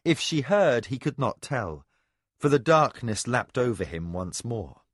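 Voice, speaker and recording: A male narrator reads a fantasy audiobook with a mid-pitched voice. His delivery moves lively up and down as he tells the story. The sound is dry and close to the mic. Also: a little slow, slightly rough, no echo. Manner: expressive storytelling. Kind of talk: scripted narration.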